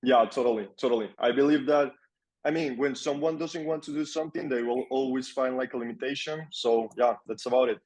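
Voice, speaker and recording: A young Colombian agency owner, speaking as a guest, keeps the interview chat casual. His medium-pitched voice runs a little fast, and his easygoing delivery includes repeated words for emphasis.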